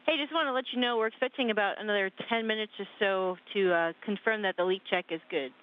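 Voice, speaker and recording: A woman's voice: mid-range voice, fast. A woman mission control communicator making procedural radio calls to astronauts. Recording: slightly dull radio loop audio.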